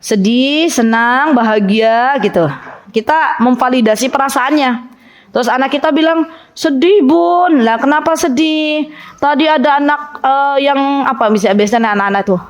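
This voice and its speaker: A woman's voice: sits high, normal speed. A woman preacher giving a sermon to a women's study group, acting out parents and children in her stories. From Indonesia. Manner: lively, acts out parents and children in quoted lines. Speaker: Islamic preacher.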